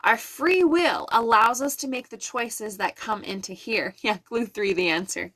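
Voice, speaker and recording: A middle-aged woman with a fairly high, slightly bright voice gives an earnest, soothing live-stream tarot reading as an intuitive card reader, speaking a little slowly and directly to her viewers.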